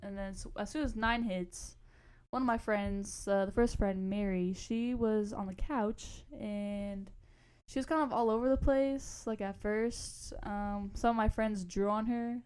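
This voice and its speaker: This young adult podcast co-host has a clear, resonant, mid-range voice that's steady and darkish, and she talks a little slowly. Her storytelling chat is casual and slangy, rambling and prone to losing the thread.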